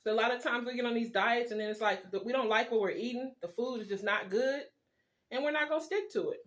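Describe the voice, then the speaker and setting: A vlogger eats and chats mukbang style, rambling informally and confidingly to viewers while talking through mouthfuls of food. The medium-pitched, fairly bright voice moves quickly, and the recording quality is low.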